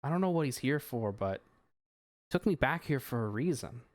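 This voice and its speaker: A man voicing an exhausted male superhero, talking high and breathless with weary relief. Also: animated, moderate pace, dry recording, clean studio sound, close to an everyday voice. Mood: weary, relieved. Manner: pitched up high, breathless and grateful.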